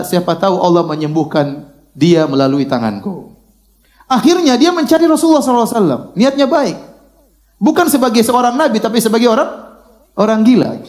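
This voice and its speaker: A middle-aged man preaching a sermon in storytelling style, shifting between loud exclamations and hushed quoted speech, laughing along with his audience. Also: high-pitched.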